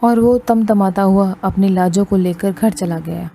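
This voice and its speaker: Slow, mellow woman storyteller. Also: mid-range voice, creaky. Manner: slow, gentle and expressive. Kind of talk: storybook narration.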